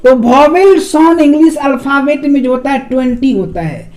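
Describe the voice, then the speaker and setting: A man's voice: very high voice, expressive, darkish tone. Patient Bihari-accented man teaching grammar. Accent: Bihari Hindi. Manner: asks rhetorical questions and answers them himself; repeats examples slowly, syllable by syllable. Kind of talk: classroom video lecture.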